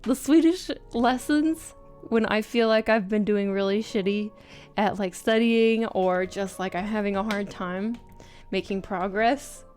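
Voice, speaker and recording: A woman's voice: mid-range voice, fairly even intonation, unhurried, darkish tone. A woman chatting informally on a livestream and reading out viewer comments in a giggly, self-deprecating way. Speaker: art livestreamer. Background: music.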